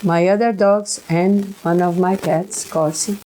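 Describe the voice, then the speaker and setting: Slow, halting woman. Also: on the low side, fairly even intonation, mellow, a little hiss or hum. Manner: halting, repeats and restarts words. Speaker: researcher sharing experiences. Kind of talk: personal recollection monologue.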